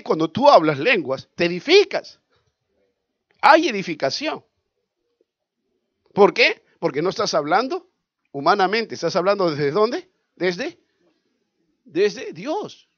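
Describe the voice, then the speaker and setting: A male pastor, preaching a sermon in an animated way, asking questions and acting out scenes. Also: sits high, takes it slowly, pauses often, no echo, dull audio. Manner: animated, asks the congregation questions, acts out scenes.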